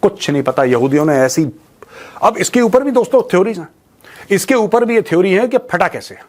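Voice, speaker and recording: A man with a high-pitched, a little mellow voice speaks briskly with lively intonation. He hosts a news commentary show, delivering an informal, opinionated monologue on current affairs that is mocking and colloquial, laced with rhetorical questions, repeated phrases for emphasis, and English.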